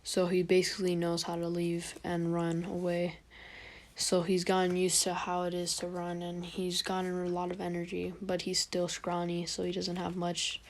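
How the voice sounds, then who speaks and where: A young woman improvising a fan story aloud. Her telling is rambling and halting, with many fillers. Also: lowish voice, monotone.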